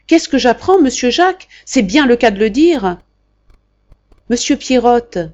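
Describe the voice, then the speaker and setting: A woman reading the part of a stout, warm-hearted older man who exclaims loudly and emotionally. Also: medium pitch, steady tone, moderate pace, lo-fi sound, lightly acted. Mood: exclaiming.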